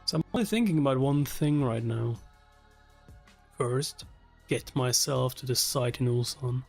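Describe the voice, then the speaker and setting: This webtoon read-along livestreamer has a gravelly, mid-range voice and speaks a little slowly. He reacts casually, chats with viewers, and swears offhandedly, all over background music.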